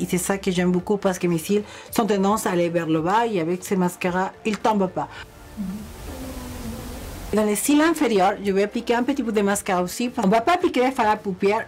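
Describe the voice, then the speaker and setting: A young woman with a non-native French accent talks viewers through a makeup tutorial in a relaxed, chatty way. She addresses them fondly and breaks into gushing exclamations. Faint music plays underneath her voice. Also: mid-range voice. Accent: non-native speaker of French. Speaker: beauty vlogger.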